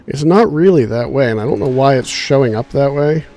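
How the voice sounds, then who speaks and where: A man with a warm, medium-pitched voice chats briskly and animatedly on a gaming livestream. His sound is nasal and congested, and he rambles in a relaxed way, thinking out loud with lots of fillers.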